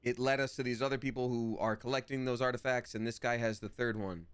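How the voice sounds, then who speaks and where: A man's voice: medium pitch, steady tone, fast talker, smooth, no echo. A man streaming a video game with casual, playful live commentary and exaggerated reactions.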